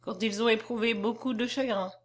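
A woman reading an audiobook, voicing a calm, grave old grandfather, a colonel. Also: fairly high pitch, moderate pace, lightly acted.

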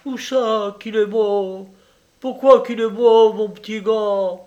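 A man's voice: sits high, steady tone, slow, a little mellow, lo-fi sound, pitched above the performer's own voice. A man voicing a timid old peasant woman who pleads in rustic speech. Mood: grief-stricken.

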